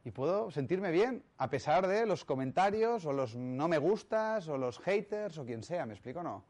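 In a fairly high, animated, slightly mellow voice, a male personal-growth speaker gives a motivational talk at a moderate pace. He speaks emphatically and rhetorically and keeps checking in with his listeners.

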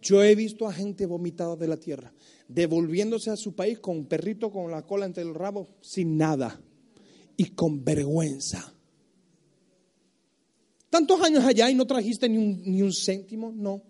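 Male pastor, very high voice, passionate sermon delivery. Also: a little slow. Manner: impassioned preaching, mimics complainers, builds to shouts. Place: church service.

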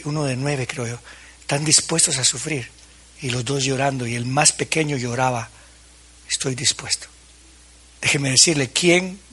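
Bright, husky preaching pastor. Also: male voice, medium pitch. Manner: preaching to pastors, with questions and acted-out quotes. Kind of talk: sermon.

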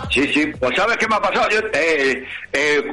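A middle-aged man with a bright, fairly high voice tells jokes in a slow, relaxed way. He laughs at his own punchlines and puts on different voices for the people in his jokes. Faint music plays in the background. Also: rough recording. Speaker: joke teller. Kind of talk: casual joke-telling while drinking.

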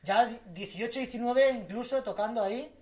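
Half-hoarse man joking on a podcast. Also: very high voice, moderate pace. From Spain. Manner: joking, laughs often, swears freely. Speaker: podcast co-host. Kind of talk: casual chat.

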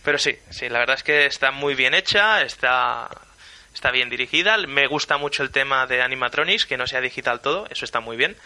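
Very bright-toned man. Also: medium pitch, brisk. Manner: animated storyteller, jokey. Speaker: podcast co-host. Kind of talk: casual film-review chat.

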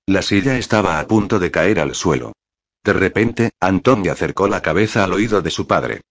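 A man narrating a novel as an audiobook, reading in a calm, measured way on a close mic. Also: low voice, slightly rough. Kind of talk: scripted narration.

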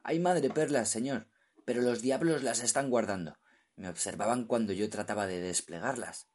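A man's voice: mid-range voice, normal speed, darkish tone, pitched above the performer's own voice, close to an everyday voice. A man voicing a young, terrified male pearl diver who pleads breathlessly and in fear, sometimes in a whisper.

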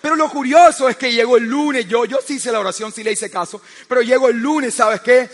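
A male preacher with a very high voice delivers a sermon through a personal story, stumbling over repeated words as he goes. He keeps turning to the congregation with quick questions. His voice rings out with a long, echoing hall reverb. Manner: storytelling, often asks the listeners "¿sabes qué?"; frequent stammered restarts.

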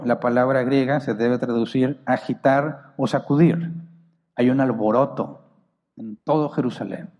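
A male preacher walks through scripture in a teaching tone, reading commentary passages and posing rhetorical questions to his listeners. His voice sits in a middle pitch with a mellow, darker colour. A long reverb trails behind his words. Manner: reads commentary passages aloud. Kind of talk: Bible teaching sermon.

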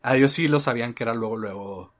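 A man with a Mexican accent chatting casually. He rambles, uses frequent fillers and lets his sentences trail off softly. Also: medium pitch, quick pace, slight background noise. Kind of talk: casual chat.

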